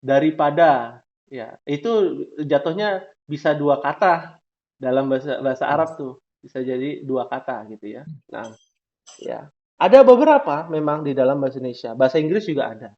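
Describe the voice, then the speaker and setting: A man teaching a class, asking questions slowly and tagging many lines with "ya". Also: on the high side, animated. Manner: drawn-out questioning, frequent "ya" tags. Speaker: Arabic teacher. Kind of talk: classroom lesson. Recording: dull lo-fi recording.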